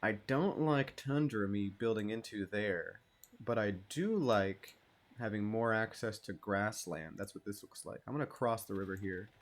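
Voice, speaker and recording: A man's voice: on the low side, normal speed. A man hosting his own gaming channel, giving laid-back, self-deprecating gameplay commentary and swearing freely as he plays.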